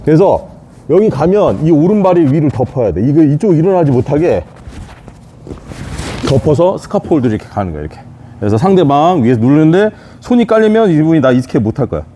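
A man's voice: a little high, very animated, fairly quick, dark tone, slight background noise. A man teaching a jiu-jitsu escape, talking in short repeated cues as he demonstrates on a partner. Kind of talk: hands-on technique demonstration.

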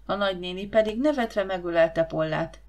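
Woman narrating an audiobook, low voice. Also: a little mellow. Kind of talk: scripted narration.

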